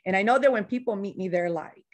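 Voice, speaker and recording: A woman speaks at a medium pitch and a fast clip. She's a veteran organizer with a slight Spanish-influenced accent, talking with passion and bluntness during a casual online panel discussion.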